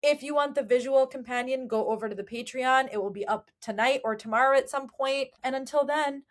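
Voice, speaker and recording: A woman hosting a casual book-discussion podcast, chatty and animated, with fillers. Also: high voice, brisk. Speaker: podcast host.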